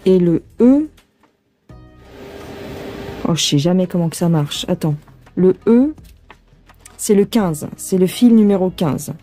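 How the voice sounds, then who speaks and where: A woman's voice: on the low side, lively intonation, slow, long pauses, warm tone, soft background music. A woman casually explaining cross-stitch while she works, chatting and thinking aloud to the viewer. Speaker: cross-stitch tutorial host. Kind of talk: casual hands-on embroidery tutorial. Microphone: phone filming her hands.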